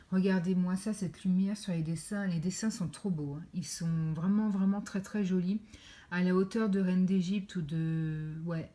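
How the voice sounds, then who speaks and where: A woman's voice: on the low side, warm tone. A woman reviewing books in a casual vlog, chatty and full of fillers as she shows pages to the camera. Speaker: book reviewer.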